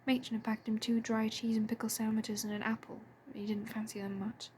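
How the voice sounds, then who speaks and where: A woman narrating a story in a soft, hushed, breathy voice, pitched fairly high yet mellow in tone. A faint hiss of noise sits under the reading. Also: little pitch movement, fairly quick. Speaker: fan audiobook reader.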